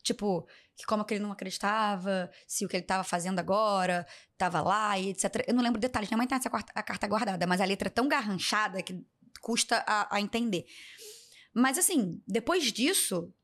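A woman's voice: mid-range voice, a little fast. A young woman, a podcast guest telling a personal story and acting out the people in it. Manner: animated, acts out the people in her story. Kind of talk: casual storytelling in an interview.

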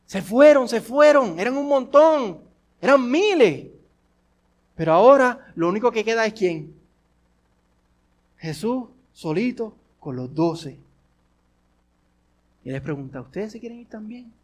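A man with a notably high-pitched voice preaches a sermon to his congregation. He fires off rhetorical questions, repeats them, and moves from forceful lines to near-hushed ones. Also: lively intonation, unhurried, long pauses. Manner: swings between forceful and hushed delivery. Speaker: pastor.

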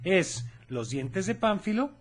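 A man's voice: high-pitched, very animated, takes it slowly. A man hosting a children's radio show, cheerful and talking straight to the kids.

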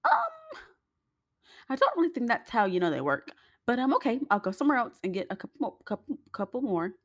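A woman's voice: on the high side, huge pitch swings, brisk, pitched above the performer's own voice. A woman quoting a hesitant, polite young female friend in a storytime vlog, with a lighter voice. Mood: unsure.

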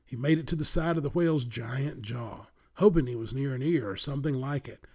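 Gravelly-voiced man reading a children's story. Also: medium pitch, fairly quick, darkish tone.

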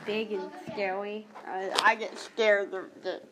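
A woman's voice: mid-range voice, little pitch movement, unhurried. A young girl chatting on a home podcast, talking in loose trailing sentences. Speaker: podcast co-host. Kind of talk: casual chat. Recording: loud background noise.

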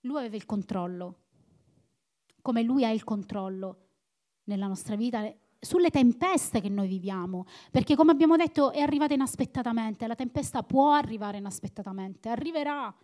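Earnest woman preaching, somewhat high voice. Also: normal speed, dark tone. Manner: earnest, exhorting, repeats phrases for emphasis. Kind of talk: sermon.

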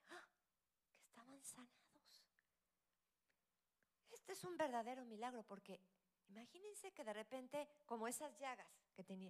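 Woman preaching with dramatic swings. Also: high-pitched. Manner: dramatic, swings between loud exclamations and hushed whispers. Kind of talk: sermon.

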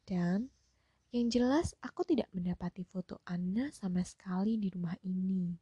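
A woman narrating a story in Indonesian in a soft, often half-whispered voice. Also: medium pitch, normal speed, slightly rough, dry recording. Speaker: audiobook narrator. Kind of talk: slow hushed story narration.

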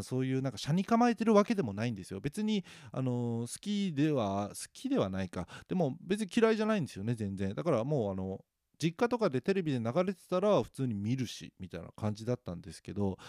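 A man's voice: medium pitch, darkish tone, no room sound, clean studio sound. A man chatting alone, self-mocking and rambling, with many fillers. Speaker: podcast host. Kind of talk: casual solo chat.

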